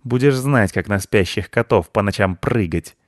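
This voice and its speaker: A man voicing an unhurried, deadpan male cat who speaks with mock kindness in a storybook reading. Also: lowish voice, no echo, studio quality, lightly acted. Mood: mock-kind. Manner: slow, mock-kindly, deadpan.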